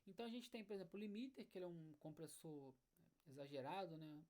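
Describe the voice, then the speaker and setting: A woman with a lowish, dark, expressive voice moves quickly through an online music lesson, breaking it down step by step. She regularly checks on her students with "né?" and "tá bom?" over quiet acoustic guitar.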